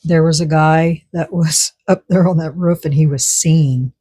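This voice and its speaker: A woman's voice: deep voice, fairly even intonation, normal speed, dark tone, husky, no echo. A woman vlogger narrating casually as she works on a resin craft project, chatty and repeating words for emphasis.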